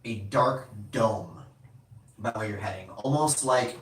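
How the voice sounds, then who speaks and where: A man's voice: on the low side, slow pace, fairly bright tone. A man running a tabletop game as game master, narrating in a meandering way with many fillers and restarts. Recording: echoey room, distant mic, faint hiss.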